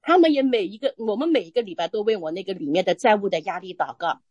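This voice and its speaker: A woman telling a personal faith testimony in conversation, earnest and halting, restarting her phrases often. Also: medium pitch, expressive, a little mellow, no echo, lo-fi sound. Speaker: church member sharing testimony.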